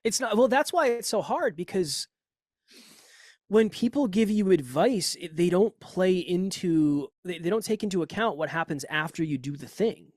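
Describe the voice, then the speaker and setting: A man's voice: high-pitched, no echo, studio quality. A man with a Boston accent, a podcast coach talking as a guest in a casual, emphatic conversation. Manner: emphatic, animated, quick asides.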